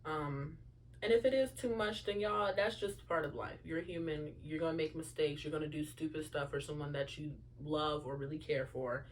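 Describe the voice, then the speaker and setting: A woman's voice: sits low, steady tone, normal speed, slight background noise. A young woman in her early twenties hosting a casual solo chat show, talking to listeners with lots of fillers and asides. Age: young adult. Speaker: podcast host.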